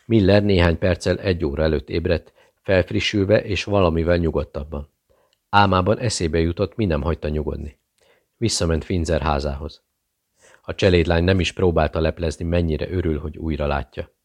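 A man narrating a thriller audiobook in a steady, measured way. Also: low-pitched. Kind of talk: scripted narration.

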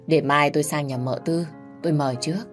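A woman voicing a calm older father who gives steady, practical instructions. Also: deep voice, brisk, faint music behind, lightly acted.

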